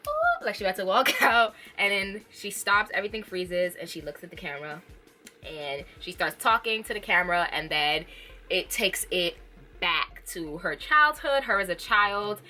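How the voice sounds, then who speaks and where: A young woman chatting casually in a video review, animated and talkative, with sudden squeals and laughs. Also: fairly low pitch. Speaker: vlogger reviewing a TV movie. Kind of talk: casual chat.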